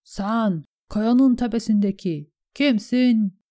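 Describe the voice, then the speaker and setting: A woman voicing a commanding male sailor calling loudly from a boat. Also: medium pitch, expressive, a little fast, dry recording, studio quality, pitched above the performer's own voice, natural voice. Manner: loud, hailing calls. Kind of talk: audiobook character voice.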